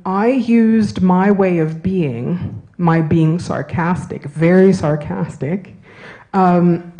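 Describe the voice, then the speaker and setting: A woman's voice: on the low side, warm tone, low-quality recording. A woman who grew up in Germany and Italy, giving a university lecture and answering questions, talking in a discursive way and often checking in with "right?". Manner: discursive, self-correcting, asks "right?". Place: university auditorium.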